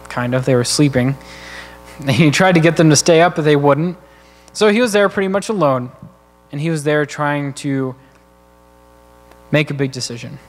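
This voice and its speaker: A man preaching a sermon in a church, speaking earnestly and conversationally while working through numbered points. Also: a little high. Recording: long church hall reverb.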